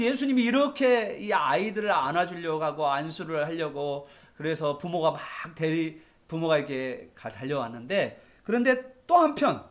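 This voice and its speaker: A pastor delivers a sermon in a church, a man whose voice sits high and swings widely as he tells the story. He keeps turning to his listeners with questions and acts the scene out with animated energy.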